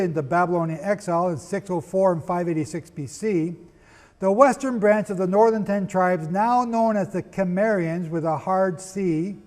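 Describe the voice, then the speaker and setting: A man giving a sermon-style history lecture, firing rhetorical questions at his listeners, spelling out names and rushing to get through it. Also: sits high, darkish tone, big-room sound. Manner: asks the audience rhetorical questions; rushes, apologizes for talking fast. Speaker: preacher.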